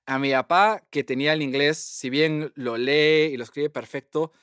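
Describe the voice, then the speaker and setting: Man, young adult, interview guest, lively storytelling, fillers, raised pitch, dry sound. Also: moderate pace, smooth, no echo. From Peru. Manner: lively, slips English phrases into his Spanish, frequent fillers. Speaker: guest scientist.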